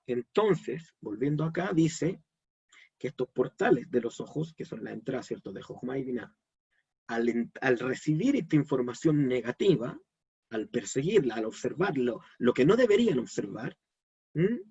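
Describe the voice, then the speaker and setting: A man's voice: medium pitch, sing-song, moderate pace, dark tone, breathy edge, highs cut off. A man giving a live online Kabbalah lesson, explaining step by step and checking in with his audience. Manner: explanatory, asks the audience questions. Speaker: Kabbalah teacher.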